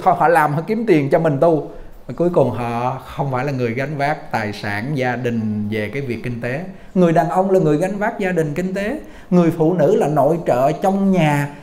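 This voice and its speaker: A Buddhist monk, giving a folksy Dharma talk full of stories and rhetorical questions. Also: male voice, a little high, a little mellow, roomy sound. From Vietnam. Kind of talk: Dharma talk to lay followers.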